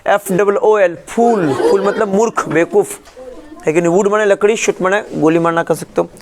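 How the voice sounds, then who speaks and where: A man's voice: sits high, moderate pace. A male English teacher in a classroom, spelling words letter by letter and quizzing his class with repeated questions. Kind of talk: classroom lesson.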